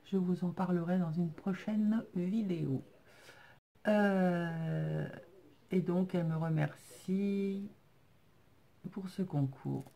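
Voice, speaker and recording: A woman crafting vlogger talks through her mail in an unhurried, easygoing way. Her voice is low-pitched and mellow, and her speech is full of little hesitations and thank-yous. The pace is slow throughout. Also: vocal fry. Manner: chatty, thankful, many hesitations. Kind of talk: casual chat unboxing craft mail.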